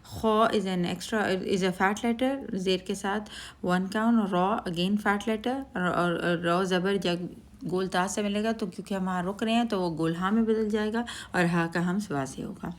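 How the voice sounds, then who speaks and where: A woman's voice: mid-range voice, steady tone. A woman teaching a recitation lesson step by step, methodically spelling out each letter and its count, sometimes asking a question and then answering it herself. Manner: asks and answers her own questions.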